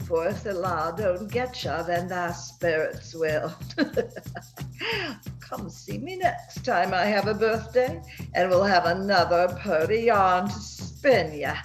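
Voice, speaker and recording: A woman's voice: mid-range voice, animated, slow pace, over music. A woman playing a gleefully macabre old witch storyteller, folksy and cackling, hosting an old-time radio horror show.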